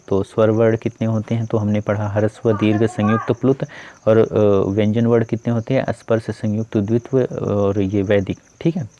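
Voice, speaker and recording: A man's voice: fairly low pitch, mellow. A man teaching grammar for exam preparation, explaining step by step and repeating key terms, often saying "ठीक है" and "अ". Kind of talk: exam-prep grammar lesson. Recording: dull lo-fi recording.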